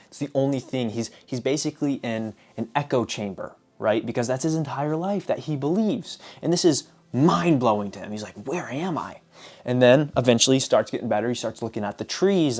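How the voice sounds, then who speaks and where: A man casually summarizing lessons from books, telling stories in an animated way with repeated filler phrases. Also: mid-range voice. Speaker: book reviewer. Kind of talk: casual book summary vlog.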